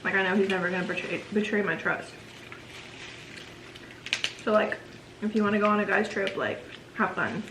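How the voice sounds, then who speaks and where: A woman's voice: mid-range voice, steady tone, normal speed, pauses often. Chatty young woman in an echoey room. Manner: chatty, says "like" a lot. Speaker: vlogger and host. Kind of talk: casual Q&A chat while eating. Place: home room. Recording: echoey home room with noise.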